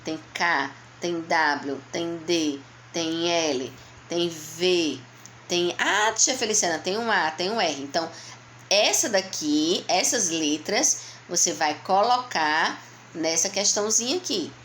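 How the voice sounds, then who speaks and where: Patient Brazilian schoolteacher, low voice. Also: female voice, animated, a bit bright, a little hiss or hum. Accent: Brazilian Portuguese. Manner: patient, slow, explaining step by step to young children; answers her own questions in a child's voice. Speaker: primary school teacher. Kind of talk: remote lesson walking through a workbook.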